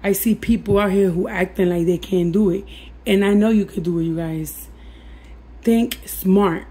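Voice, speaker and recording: Raspy woman losing her voice, mellow sound, chatting to viewers in a casual cooking vlog. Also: medium pitch, steady tone, normal speed. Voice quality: raspy, husky, breaking voice. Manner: addresses viewers familiarly, encouraging. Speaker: budget cooking vlogger. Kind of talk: casual chat to viewers over cooking demonstration. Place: home kitchen.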